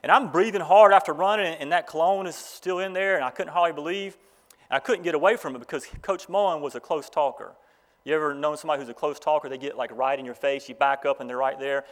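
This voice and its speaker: A man speaks at a graduation. He tells folksy stories, rushing ahead and then slowing down, and reads aloud from scripture. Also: fairly high pitch, fairly bright tone. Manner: folksy storytelling, speeding up and slowing down. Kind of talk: graduation address with Bible reading.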